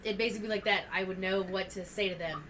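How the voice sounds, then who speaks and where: A woman's voice: medium pitch, steady tone, fast, fairly bright tone. A woman playing a tabletop fantasy game, chatting casually and speaking for her character. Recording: clear background noise.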